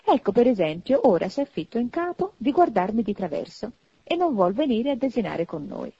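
A woman voicing a cheerful, hearty young man in a storybook reading, loud and animated. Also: fairly high pitch, moderate pace, vocal fry, breathy edge, no echo, highs cut off, pitched above the performer's own voice, heavily acted. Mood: warm, lively. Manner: loud exuberant laughter, animated.

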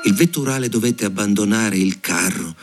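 A man reading a fairy tale aloud, with expressive storytelling. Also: fairly low pitch, moderate pace, music in the background. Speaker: reader.

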